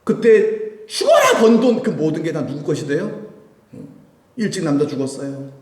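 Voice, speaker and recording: A man's voice: on the high side, huge pitch swings, normal speed. A man preaching a Sunday sermon, putting questions to the congregation as he goes. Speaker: pastor. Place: church sanctuary. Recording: echoey church hall with long reverb.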